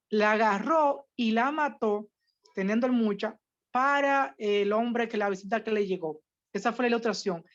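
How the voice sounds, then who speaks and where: Lively woman teaching the Bible. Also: fairly high pitch, dull audio. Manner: animated, asks listeners if they understand.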